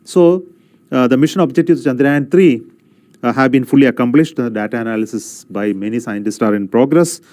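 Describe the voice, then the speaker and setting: A man with an Indian accent giving a formal podium speech as an agency representative, in measured, halting phrases. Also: medium pitch, a little mellow.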